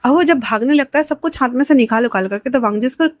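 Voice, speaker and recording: A woman narrates a homemade love story, her voice sitting a little high. She reads every character's lines in her own voice and raises it when they cry out. The recording is close and dry, with no room sound. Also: quick pace, no room sound. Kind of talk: storytelling narration of fan fiction.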